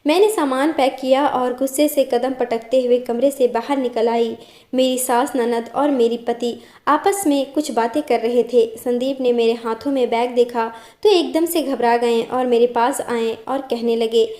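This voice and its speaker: A woman's voice: on the high side, fairly even intonation, a little slow, dark tone. Woman narrating a family story, echoey room. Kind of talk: first-person story narration.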